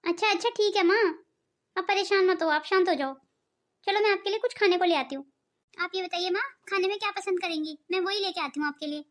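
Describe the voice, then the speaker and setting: A woman's voice: very high-pitched, fast talker. A woman voicing a loyal young daughter-in-law in a cartoon family drama, speaking in a pleading, emotional way. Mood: soothing. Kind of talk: cartoon voice acting.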